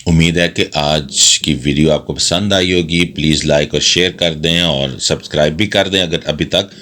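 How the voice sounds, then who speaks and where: Male phonics teacher, deep but crisp voice, deliberate pace. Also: fairly even intonation, sharp tone. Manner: slow, deliberate spelling-out of words. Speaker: English teacher. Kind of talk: phonics lesson.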